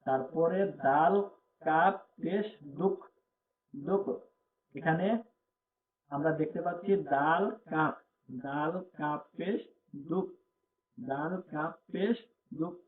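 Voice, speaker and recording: Slow, tinny-sounding male Quran teacher. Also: on the high side. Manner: spells out letters and vowels, then repeats the joined sound. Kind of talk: slow spelled-out recitation lesson. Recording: tinny phone-like audio with faint hum.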